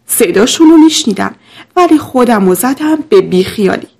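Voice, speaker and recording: A woman narrating a scripted first-person story in a steady, confessional way. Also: on the high side, vocal fry, breathy edge.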